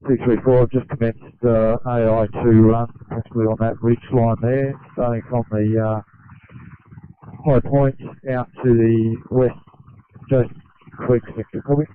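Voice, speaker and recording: A man's voice: medium pitch, flat delivery, measured pace, clean tone, no echo. A man passing procedural emergency messages over a two-way radio. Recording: narrow-band dry radio transmission.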